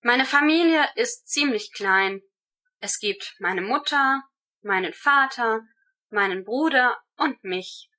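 A woman giving rehearsed answers to German speaking-exam questions in a steady, measured way. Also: fairly high pitch.

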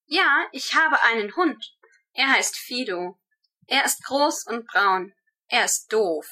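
A woman giving rehearsed answers to German speaking-exam questions in a steady, measured way. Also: a little high.

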